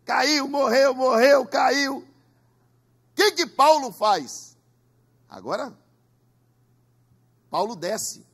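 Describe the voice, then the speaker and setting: Husky, emphatic preaching pastor, a man. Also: high-pitched, a bit bright. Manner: emphatic preaching with call-and-response. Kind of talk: Pentecostal sermon. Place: church.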